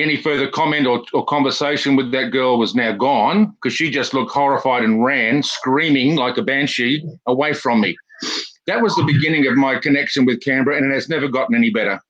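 A man's voice: mid-range voice, a bit bright. An Australian man in casual chat, telling stories in a wry, grumbling way. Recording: slightly muffled recording.

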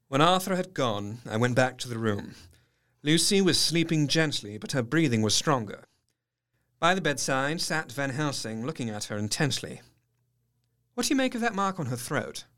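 An actor playing an earnest, observant male doctor narrating his diary in an audio drama, articulate and measured. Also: medium pitch, big pitch swings, a bit bright. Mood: puzzled, analytical. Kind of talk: scripted first-person narration, audio drama.

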